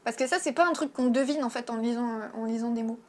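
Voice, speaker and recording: A young woman with a French accent talks straight to her viewers in a relaxed, chatty lesson. Her voice sits high, and she speaks frankly, with plenty of little fillers and restarts. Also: quick pace. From France. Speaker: Japanese teacher and YouTuber. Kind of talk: casual video lesson.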